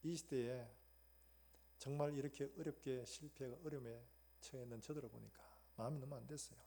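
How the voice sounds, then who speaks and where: A man's voice: mid-range voice, steady tone, fairly quick, vocal fry, mellow. A middle-aged male pastor preaching a sermon, telling a story in a chatty way and acting out the voices of the people in it. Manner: conversational storytelling, acts out quoted voices.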